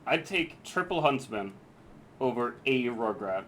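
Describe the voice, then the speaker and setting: A man's voice: mid-range voice, animated, unhurried, fairly bright tone, a little hiss or hum. A man streaming a co-op game with friends, joking, swearing and cheering his teammates on. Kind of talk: casual gaming chat with friends.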